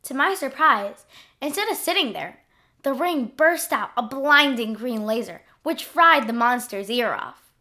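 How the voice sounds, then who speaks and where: A woman reads a first-person adventure story aloud, expressive and diary-like. Her voice is high and bright, and she takes her time over each phrase. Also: measured pace.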